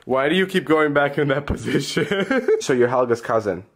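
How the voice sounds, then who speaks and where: A man's voice: a little high, expressive, normal speed. A young man vlogging at home in casual chat, playful and giggly, laughing often.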